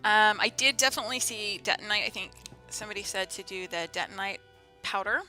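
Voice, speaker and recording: A woman's voice: mid-range voice, fairly quick, bright, forceful tone, faint music behind. A woman chatting casually and playfully with viewers as she streams a video game, giggly in manner. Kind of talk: casual livestream game commentary and chat.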